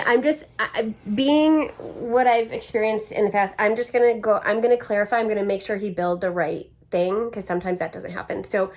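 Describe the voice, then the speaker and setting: A young woman chatting excitedly in a casual vlog, shaky with nerves and full of fillers. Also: a little high. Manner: excited, breathless, many "like" fillers. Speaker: vlogger.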